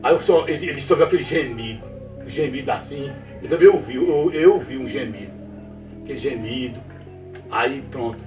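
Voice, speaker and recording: A man's voice: medium pitch, a little fast, darkish tone. A man with a Northeastern Brazilian accent telling a ghost story to a listener, repeating phrases and often checking that the listener is following. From Brazilian Northeast backlands. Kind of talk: spoken folk tale told to a listener. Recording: roomy sound from a distant mic with faint music.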